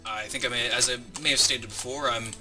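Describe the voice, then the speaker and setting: A man in his twenties hosts a Let's Play in a home room with a squeaky chair, talking briskly in a steady, mid-range voice. The mic is distant, and music plays under him. His commentary wanders through a joke, and he interrupts himself mid-sentence to count aloud.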